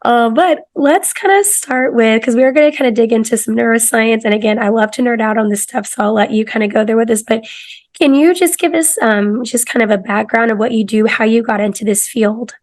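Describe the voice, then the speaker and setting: Woman podcast host, hoarse, chatty and enthusiastic, slightly high voice. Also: brisk. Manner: casual, enthusiastic, lots of "like" and "kinda". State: hoarse, losing her voice. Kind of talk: casual interview chat.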